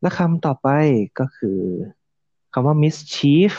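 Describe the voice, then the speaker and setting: A man's voice: a little high, a little slow, mellow, dry recording. A young man co-hosting a podcast vocabulary lesson, explaining words in a polite, formal way. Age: young adult. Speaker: co-host. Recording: dull lo-fi dry recording.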